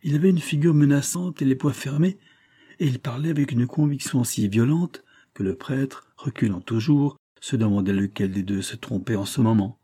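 Husky, dark-voiced male narrator. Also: mid-range voice, normal speed, no room sound, clean studio sound. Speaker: audiobook narrator. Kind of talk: literary audiobook narration.

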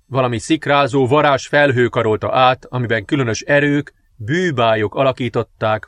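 A man narrating a dark fantasy audiobook with measured, dramatic storytelling. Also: medium pitch, dry recording.

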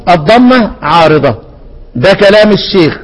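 High-voiced Egyptian sheikh teaching in a reverberant hall. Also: male voice, sing-song, normal speed. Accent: Egyptian Arabic. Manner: asks the class questions and answers them himself, with frequent restarts; chants quoted verse words at a raised pitch. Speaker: Quran recitation teacher. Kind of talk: explanatory lesson on recitation rules. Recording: long reverb.

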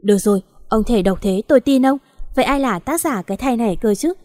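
A woman giving voice to a harsh, impatient older sister who scolds sharply. Her voice sits a bit high, and the recording is close and dry. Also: fast talker, a little mellow, dry recording, lightly acted. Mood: scolding.

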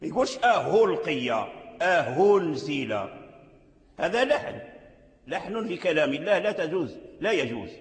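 A Moroccan-accented man gives a recitation lesson in a high, ringing voice. He drags out each example word again and again. The room is echoey, and a long reverb trails after his words. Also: big pitch swings, fast. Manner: repeats and drawls out sounds to demonstrate pronunciation. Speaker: Quran recitation teacher. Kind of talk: explanatory lesson on recitation rules.

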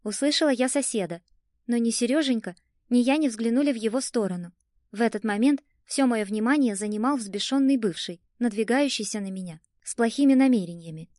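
A woman narrating a first-person audiobook in a lively, expressive storytelling manner. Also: a little high, dry recording, studio quality.

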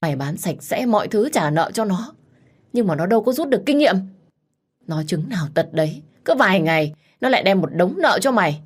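Lady doing a brash young woman, loud and bossy. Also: on the low side, normal speed, lightly acted. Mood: outraged. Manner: loud, blunt and scolding.

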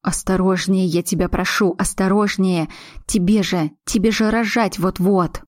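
A woman's voice: mid-range voice, fairly even intonation, unhurried, dry recording, clean studio sound, natural voice. A woman voicing an anxious, blunt young man whose fiancée is about to give birth. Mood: fretful. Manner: fretful, blunt and insistent.

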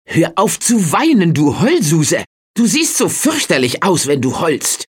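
A woman's voice: on the low side, sing-song, measured pace, breathy edge, pitched above the performer's own voice, full character voice. A woman voicing a cold-hearted, cruel young boy in a storybook reading, with a scornful manner. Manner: scornful, shouting insults.

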